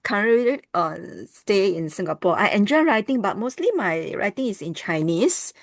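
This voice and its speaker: A woman's voice: medium pitch, sing-song, moderate pace, no echo, clean studio sound. Shy woman from Brunei. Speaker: class participant.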